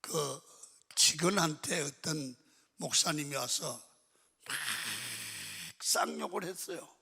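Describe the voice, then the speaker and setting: An older male pastor preaching a sermon, telling stories with sudden swings from loud to hushed. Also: fairly high pitch, slow pace, gravelly, slightly rough. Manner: animated storytelling, swings between loud and hushed. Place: large prayer-retreat sanctuary. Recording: reverberant church hall.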